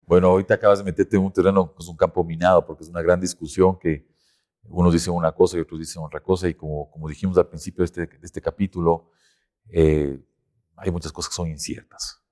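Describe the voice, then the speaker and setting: Man, podcast guest, low voice, animated explainer. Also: fast talker. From Ecuador. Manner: animated explainer, lifts his voice to act out quotes. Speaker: guest expert. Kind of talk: casual podcast conversation.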